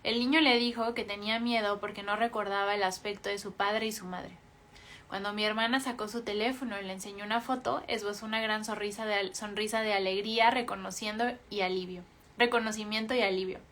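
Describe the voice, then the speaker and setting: Woman, book club reader, reading aloud, calm measured delivery, medium pitch. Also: a little hiss or hum. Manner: calm, measured reading with small self-corrections.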